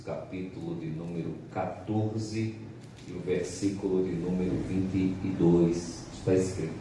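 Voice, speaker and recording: During a church service, a visiting evangelist from Pernambuco, Brazil, delivers a sermon and reads scripture in Pernambuco-accented Brazilian Portuguese, formal, emphatic, and dramatic. He has a deep, mellow tone. Captured from a distance in an echoey church hall, the audio carries a little hiss or hum.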